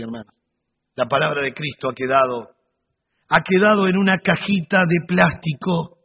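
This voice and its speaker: A man teaching a Sunday school sermon, animated storytelling with humorous asides. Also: high-pitched, slightly rough. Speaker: Bible teacher. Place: church hall. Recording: dull recording in a reverberant hall.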